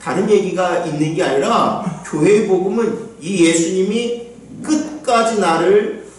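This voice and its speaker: A man preaching a sermon as pastor, animated and acting out the voices he quotes. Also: sits high, measured pace. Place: church sanctuary. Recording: echoey church hall, mic at a distance.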